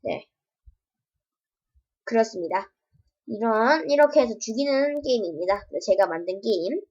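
A woman's voice: a little high, animated, normal speed, a little mellow. A woman demoing her own game with casual, playful commentary, full of sound effects and yelps. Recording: dull lo-fi home recording.

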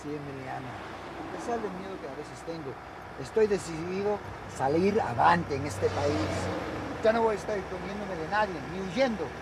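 An actor playing an earnest, nervous young trucker whose Spanish has an American-tinged accent, outdoors. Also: male voice, fairly high pitch, lively intonation, moderate pace, heavy background noise. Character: fearful but determined young trucker.

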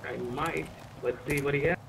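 Over noisy game voice chat with audible background noise, a man roleplays as a medic, chatting casually in character. His voice sits on the high side, with fairly even intonation and a moderate pace.

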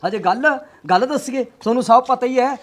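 Brief: performer as an accusing Punjabi in-law, mid-pitched. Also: a little fast, close to an everyday voice. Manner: blunt, accusing.

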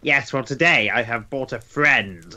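A man voicing a pompous, villainous dark overlord with a hammy, menacing manner in a livestream role-play. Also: mid-range voice, a little slow. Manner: hammy, menacing, over-the-top.

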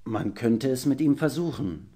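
A man playing a calm, thoughtful engine driver. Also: mid-range voice, close to an everyday voice. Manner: deliberate, thoughtful. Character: calm, wise adult male engine driver, pipe smoker. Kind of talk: audiobook character voice.

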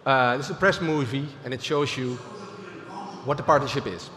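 A man's voice: medium pitch, normal speed, pushed and bright. A middle-aged man with a Dutch accent giving a business keynote on a large conference stage, speaking with frequent fillers and restarts. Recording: reverberant hall with faint ambience.

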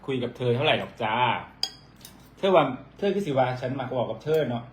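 A man's voice: mid-range voice, lively intonation, fairly quick, a little hiss or hum. A man with an Isan Thai accent, a doctor, chatting casually and bickering back with his partner. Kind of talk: casual couple chat.

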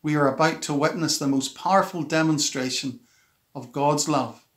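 Male minister, slightly high voice, measured solemn scripture reading for a devotional. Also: fairly bright tone. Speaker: church minister.

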